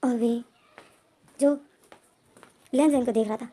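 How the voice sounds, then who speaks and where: A woman's voice: fairly high pitch, steady tone, measured pace, mellow. A woman narrating a story recap in a run-on retelling style, repeating names often.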